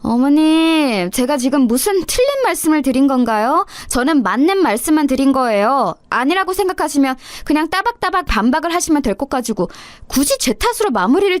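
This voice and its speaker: A woman's voice: sits high, no echo. A woman voicing an insolent young daughter-in-law who talks with sarcastic, overly polite mockery.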